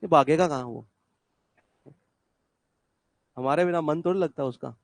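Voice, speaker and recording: A man's voice: a little high, fast talker, vocal fry, no echo. A man teaching an English class live to a room of students and online viewers, talking in a casual, chatty way and checking in with them often. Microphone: classroom mic and speaker, streamed online.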